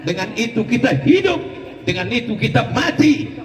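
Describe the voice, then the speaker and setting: A man preaching at a large outdoor rally, shouting rhetorical questions and leading the crowd in call-and-response. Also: very high-pitched, big pitch swings, normal speed. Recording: echoey public address heard from far off.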